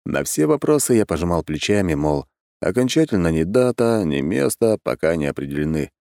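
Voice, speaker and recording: A man's voice: low-pitched, very animated, a little fast, gravelly, darkish tone, no echo, clean studio sound. A man narrating a first-person audiobook in a wry, conversational way.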